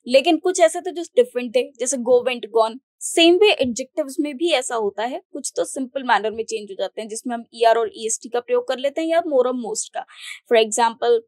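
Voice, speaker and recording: High-voiced woman teaching grammar. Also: moderate pace, a little mellow, no room sound, studio quality. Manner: explains step by step with frequent "okay?" and "है ना?" check-ins. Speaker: English teacher. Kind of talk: exam-prep grammar lesson.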